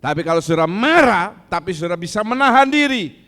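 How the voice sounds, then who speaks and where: A man's voice: high voice, sing-song, a little fast, fairly bright tone, in a large hall, faint music behind. A man preaching a sermon as pastor, asking the congregation questions and acting out angry insults in a raised voice. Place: church hall.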